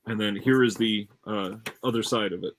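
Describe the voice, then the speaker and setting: A man's voice: fairly low pitch, normal speed, fairly bright tone, slight background noise. A man who is a streamer and guest, explaining details in a casual chat in an informed way. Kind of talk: casual chat about film releases.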